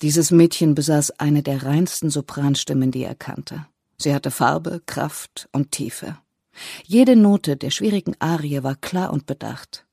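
A narrator reading a novel in a calm, measured manner. The voice is dark and gravelly with a husky edge, recorded close and dry. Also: medium pitch, no echo. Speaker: audiobook narrator.

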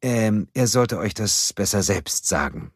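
A man's voice: on the low side, expressive, a little slow, gravelly, breathy edge, no echo, clean studio sound, voice pushed up, heavily acted. A man doing a hesitant, mumbling colleague. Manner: hesitant, quiet. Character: hesitant male colleague, reluctant to talk.

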